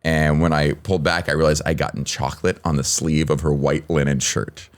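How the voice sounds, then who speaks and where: A man's voice: a bass voice, level tone, a little fast. A man co-hosting a podcast in casual chat, telling a story in a wry, self-mocking way. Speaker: podcast co-host, comic.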